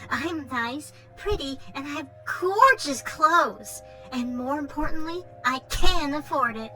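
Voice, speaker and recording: A woman's voice: high voice, expressive, a little slow, loud music behind the voice. A woman voicing a young, vain rich girl in a game, with a bubbly, snobby sorority-girl manner and a Valley Girl accent. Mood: smug. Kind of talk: game character dialogue read.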